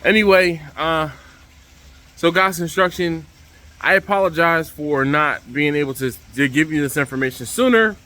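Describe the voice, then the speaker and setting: A man hosting a casual vlog to camera, speaking outdoors over the rushing water of a waterfall by a pool. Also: fairly high pitch, pushed and bright. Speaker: vlog host.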